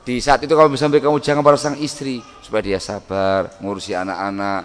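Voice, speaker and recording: A middle-aged man preaching a sermon on family life, lively, acting out home scenes in sudden loud voices. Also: medium pitch, fast talker, a little hiss or hum. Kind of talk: Islamic sermon.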